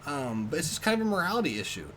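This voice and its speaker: A man's voice: a little high, big pitch swings, very fast, pushed and bright, slight background noise, rough recording. A man co-hosting a casual gaming podcast, agreeable and earnest, hesitating with ums. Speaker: podcast co-host.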